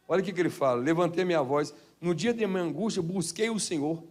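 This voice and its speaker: Fervent high-voiced Brazilian pastor preaching. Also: male voice, fast talker. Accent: Brazilian Portuguese, Minas Gerais. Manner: fervent preaching, swings from shouted exclamations to hushed low asides. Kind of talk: Pentecostal sermon. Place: church.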